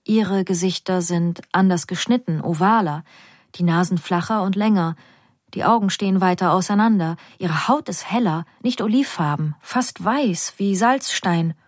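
A woman reading a novel aloud in the first person, lifting her pitch for the characters' quotes. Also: dry recording, clean studio sound. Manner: reads character quotes with slightly raised pitch. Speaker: audiobook narrator. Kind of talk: literary narration in first person.

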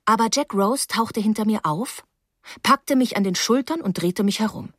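A woman's voice: mid-range voice, normal speed, no echo, clean studio sound. Woman reading a novel aloud. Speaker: audiobook reader. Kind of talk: literary reading on radio. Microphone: close studio mic.

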